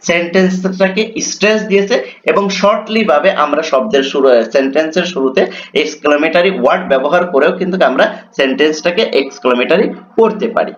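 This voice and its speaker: A man with a Bengali accent and a fairly high voice teaches an English grammar lesson. He reads the English examples slowly and explains them through rhetorical questions. The recording is dull and lo-fi, with faint noise.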